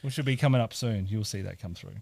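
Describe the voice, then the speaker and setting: A man's voice: on the low side, fast, creaky, a little mellow, no room sound. Emphatic Kiwi man in casual conversation. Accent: New Zealand. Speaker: interview guest, musician running a music school. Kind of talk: casual chat.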